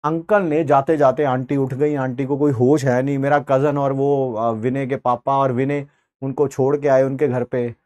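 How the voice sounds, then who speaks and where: A man in his forties, a teacher, telling a childhood anecdote in an animated way. He keeps checking in with "ठीक है" and slips English phrases into his talk. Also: mid-range voice, moderate pace, no room sound. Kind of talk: anecdotal storytelling to students.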